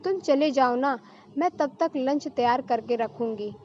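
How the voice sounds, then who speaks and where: A woman voicing a busy, brisk young wife who brushes off worries in a told story. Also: high-pitched, muffled recording, a little hiss or hum. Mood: offhand.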